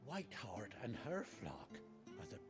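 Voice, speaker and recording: A chatty village local. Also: male voice, mid-range voice, a little slow. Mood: excited. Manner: folksy, colloquial, animated. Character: rustic village man, chatty and excitable. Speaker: game character. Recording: game audio with loud music. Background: game music.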